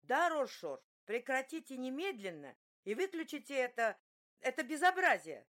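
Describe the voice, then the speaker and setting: Hot-tempered young heroine screeching, shrill and high, a woman doing her. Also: sing-song, normal speed, a bit bright. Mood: furious, screeching.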